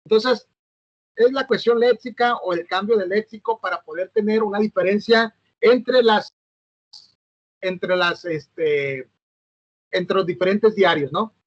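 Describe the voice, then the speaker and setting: A man's voice: high voice, unhurried, long pauses, no room sound, muffled recording. A man, recording a lecture for his students by himself, hesitant, with fillers and self-corrections and a habit of asking "¿no?". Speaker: teacher.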